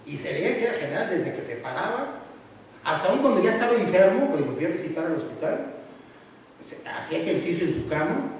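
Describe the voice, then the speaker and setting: A man preaching with a fairly high voice, recorded from a distance in a long, echoing church hall. He tells the story with humor and plays the characters' voices himself. A faint hum of room noise sits underneath. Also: lively intonation, fairly quick. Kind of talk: sermon.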